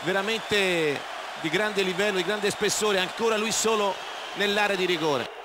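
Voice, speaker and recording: Male co-commentator, high-pitched voice, analytical replay comments, stadium crowd and noise behind. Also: normal speed. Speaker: football co-commentator. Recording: TV broadcast with clear crowd noise.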